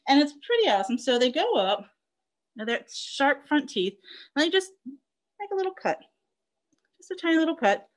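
Bubbly high-voiced woman teaching kids. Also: very animated, normal speed, long pauses, rough recording. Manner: chatty and playful, laughing often. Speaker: zoo educator. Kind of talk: live online zoo lesson.

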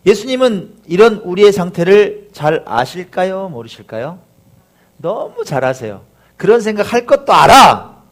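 A man's voice: sits high, sing-song, moderate pace. A male pastor preaching a sermon, throwing rhetorical questions at the congregation and acting out the voices of the people he describes.

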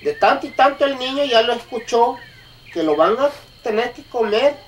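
A man with a Mexican accent telling a folk tale aloud, halting and restarting often. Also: extremely high pitch, animated, recorded from a distance, a little hiss or hum. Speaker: storyteller. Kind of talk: oral folk storytelling.

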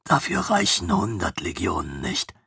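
A big, gruff warrior, as a male audiobook narrator voices him, speaks slowly in a low, husky tone. His words are plain and subdued. The sound is close and dry. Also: huge pitch swings, bright, forceful tone, dry recording, heavily acted. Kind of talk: audiobook reading.

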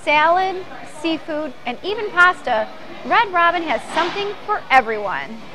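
A woman's voice: very high-pitched, very animated, moderate pace, over music. A young woman hosting a local TV segment, presenting upbeat and scripted and asking interview questions in a restaurant. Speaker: TV show host. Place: restaurant dining room, indoors.

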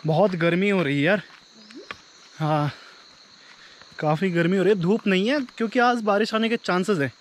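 A man's voice: high-pitched, moderate pace, pauses often, slight background noise, low-quality recording. A man, vlogging outdoors in hill country near a river, chatty and joking as he talks straight to viewers on a handheld camera. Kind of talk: casual vlog narration.

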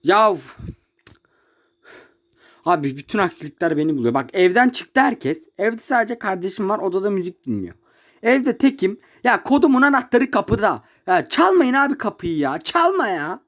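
A high-voiced young man records himself at home while playing a football game on his phone. He rants in exasperation, one moment yelling and the next muttering under his breath, over a close phone mic. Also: very animated, moderate pace. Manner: exasperated ranting, swings between shouting and muttering. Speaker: mobile football gamer. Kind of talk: live gameplay commentary. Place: room at home.

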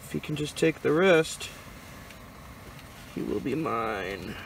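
A man's voice: medium pitch, expressive, slow pace, vocal fry, a little hiss or hum, low-quality recording. A young man casually vlogging his ice fishing from inside a small shanty, chatty and joking to the camera. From Michigan. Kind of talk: casual outdoor vlog narration. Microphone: handheld action camera.

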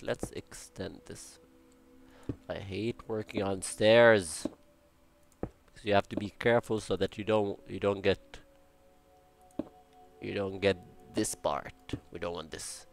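A young man with a gravelly voice hosts a building game channel, muttering to himself, counting blocks and tossing in playful Spanish words. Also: lowish voice, slow, long pauses, faint music behind. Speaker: Minecraft building channel host. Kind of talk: casual gameplay commentary.

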